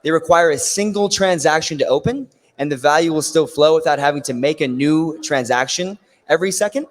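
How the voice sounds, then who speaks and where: A man with a raspy, worn voice giving a technical conference presentation, explaining things step by step and often checking in with "right?". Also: fairly high pitch, fairly quick. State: losing his voice. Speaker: conference speaker. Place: conference stage in a large hall. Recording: long hall reverb.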